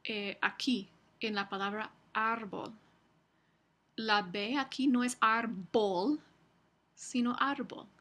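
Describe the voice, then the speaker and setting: A woman university lecturer giving a recorded lecture, explaining slowly with frequent fillers and restarts. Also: mid-range voice, fairly even intonation, pushed and bright.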